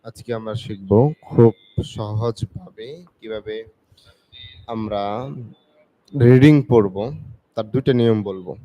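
A man teaching Quran reading in a live online lesson, spelling out letters and drawing out each syllable slowly between quick explanations. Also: lowish voice, steady tone, no echo, highs cut off. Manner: slow, drawn-out syllable-by-syllable recitation with quick explanations.

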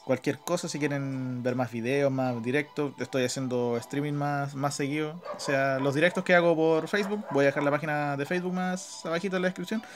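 Talking fairly fast with hardly any pauses, this Chilean-accented man has a fairly high-pitched voice. As a gaming video host, he narrates his play live in a loose, slangy way, half to himself, while game music runs in the background.

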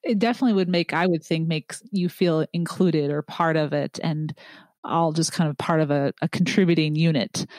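A woman's voice: sits low, moderate pace, darkish tone, dry recording, low-quality recording. A woman hosting a podcast interview, eager and admiring, with many fillers and restarts. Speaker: podcast host.

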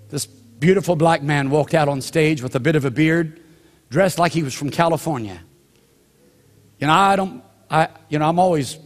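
An older man, a pastor, preaching a sermon with a storytelling manner, drawn-out pauses and slowing down for emphasis. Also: fairly high pitch. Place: church sanctuary. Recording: long hall reverb of a church sanctuary.

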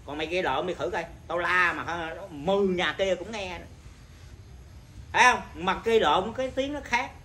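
A Buddhist monk teacher giving an informal dharma talk, blunt and scolding, with a naturally loud voice. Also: male voice, high voice, normal speed.

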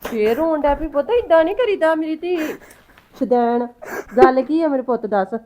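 A woman's voice: high-pitched, lively intonation, normal speed, dark tone, a little hiss or hum. An actress playing a middle-aged mother-in-law who coaxes, pries and scolds. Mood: coaxing. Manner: coaxing, prying, scolding. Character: fussing, caring mother-in-law. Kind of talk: family drama acting.

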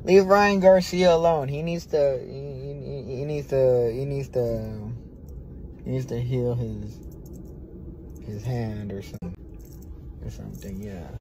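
Poor audio with a little hiss or hum captures a young US boxer livestreaming from a dim room at night on a close-held phone. His darkish, medium-pitched voice moves slowly with long pauses, and his chatter is brash, repetitive, and profane.

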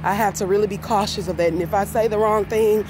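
A woman's voice: mid-range voice, steady tone, quick pace. A young adult woman casually chatting to viewers as she walks outdoors, holding a phone at arm's length. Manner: talking while walking outdoors, breathy sighs of exertion. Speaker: vlogger. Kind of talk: casual walk-along vlog. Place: outdoors on a residential street. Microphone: phone held at arm's length. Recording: very noisy outdoor street recording. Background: street and traffic noise.

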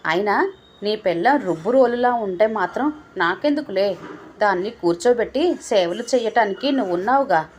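A woman voicing a suspicious, sharp-tongued old father who taunts his family, in a storybook reading. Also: mid-range voice, expressive, moderate pace, slight background noise, lightly acted. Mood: bitter taunting. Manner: scolding, taunting.

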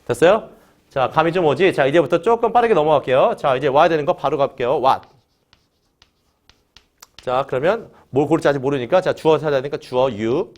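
A man teaching an English grammar lesson in Korean, opening nearly every phrase with "자" and drilling students with quick questions they answer back. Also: a little high, a little mellow. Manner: drills students, has them repeat after him.

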